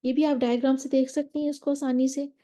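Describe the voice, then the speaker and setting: A woman's voice: sits high, flat delivery, brisk, dark tone. A woman teaching Quran recitation in an online lesson, explaining patiently step by step over a diagram and mixing in English terms.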